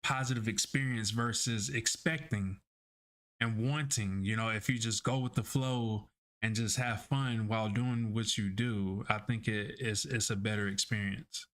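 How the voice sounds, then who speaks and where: A man hosting a podcast, talking in a relaxed, rambling way full of "like" and "you know". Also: on the low side, unhurried. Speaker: podcast host. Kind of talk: casual conversation.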